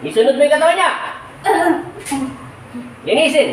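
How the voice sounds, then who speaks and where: A woman's voice: sits high, big pitch swings, moderate pace. A woman folk healer leading a healing prayer session, questioning insistently and repeating herself in a commanding way. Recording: echoey room, far from mic, faint noise.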